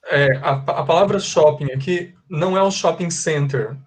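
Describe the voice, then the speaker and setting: A Brazilian Portuguese-speaking man teaching an English lesson live to his class, his voice sitting slightly higher than most men's. He explains step by step, repeats his examples and keeps asking whether everyone has understood. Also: normal speed. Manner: patient, repetitive, checks understanding often.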